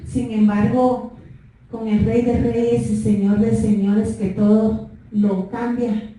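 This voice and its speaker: Slow, dark-toned woman host in echoey room. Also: fairly high pitch, flat delivery. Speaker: host interviewer. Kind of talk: church interview. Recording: echoey room, far from mic, faint noise.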